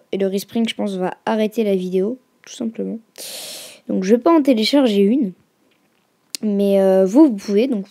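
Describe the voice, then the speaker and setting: A woman with a mellow, dark-toned voice walks viewers through a casual screen-recorded tech tutorial. She talks in a hesitant way, full of fillers, pauses and restarts, at an ordinary pitch. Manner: hesitant, filler-heavy, self-correcting. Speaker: YouTube tech channel host.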